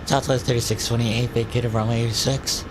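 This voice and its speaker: A man's voice: mid-range voice, flat delivery, moderate pace. A man flying a simulator, giving casual commentary and pilot radio calls. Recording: clear aircraft cabin noise behind voice.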